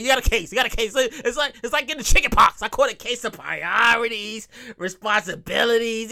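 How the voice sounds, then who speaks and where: This solo podcast host, a man in his thirties, has a high, gravelly voice. His casual show is full of rambling, cursing, and repetition, and he acts out quotes with animation.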